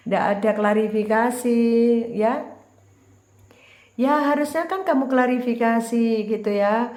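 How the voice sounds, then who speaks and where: A woman tarot reader talks straight to the viewer in a chatty, repetitive way. Her voice sits a little high, and the room around her adds a clear echo. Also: unhurried, darkish tone. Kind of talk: casual general tarot reading monologue. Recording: roomy echo.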